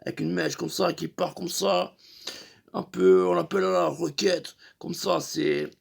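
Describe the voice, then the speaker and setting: A man's voice: high voice, fairly even intonation, measured pace, gravelly, husky. A young man telling a crude, rambling comic story full of fillers. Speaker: comedian.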